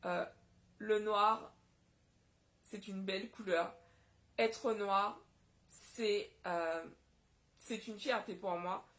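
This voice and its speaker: A woman's voice: lowish voice, vocal fry, a bit bright. A woman from Guadeloupe talking straight to her audience in a casual solo vlog, impassioned and indignant. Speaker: vlogger.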